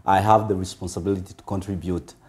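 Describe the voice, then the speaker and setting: Low-voiced man from Congo, measured. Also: little pitch movement, darkish tone. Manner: measured, with frequent pauses and fillers. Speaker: interview guest, foundation founder. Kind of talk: casual interview talk.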